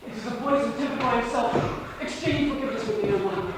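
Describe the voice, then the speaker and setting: A man's voice: very high-pitched, quick pace. A young man playing a dying, poisoned prince, anguished and urgent, in theatrical Shakespearean stage acting. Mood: pained, pleading. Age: young adult. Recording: echoey hall, distant mic, faint noise.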